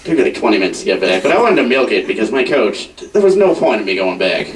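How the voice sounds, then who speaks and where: A man's voice: on the low side, sing-song, fast. A young man telling stand-up stories at a house party, rambling and self-mocking, heard from a distant mic with faint noise. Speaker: stand-up comedian.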